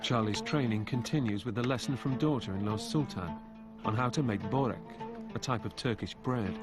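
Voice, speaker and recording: A man narrates a documentary in a measured, scripted voice at a middle pitch. Loud music plays under his words throughout.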